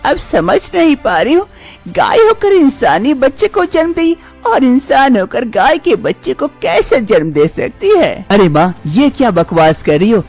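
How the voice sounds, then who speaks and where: A woman's voice: sits high, sing-song, measured pace, a little mellow, faint music behind, pitched above the performer's own voice, exaggerated voice. Woman doing a bossy, scolding mother-in-law. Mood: puzzled. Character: stern mother-in-law, harsh to her bride, doting on her cow.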